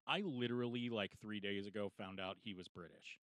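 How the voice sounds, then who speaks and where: A man's voice: lowish voice, brisk, fairly bright tone, no room sound. A man co-hosting a pop-culture podcast, telling stories in a crude, profane way. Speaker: podcast co-host. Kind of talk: casual pop-culture chat.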